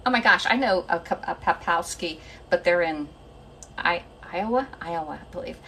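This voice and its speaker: A woman's voice: fairly low pitch, animated, normal speed, a bit bright, a little hiss or hum. A woman hosting a casual live cooking stream from her home kitchen, chatting and greeting viewers by name, a little out of breath. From Northeast Pennsylvania. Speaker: home cooking livestream host. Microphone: phone camera.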